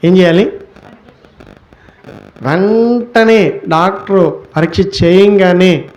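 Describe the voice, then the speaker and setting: Male pastor, fairly high voice, sermon delivery; poses questions then answers, stretches key words slowly. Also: a little mellow, muffled recording. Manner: rhetorical questions answered by himself.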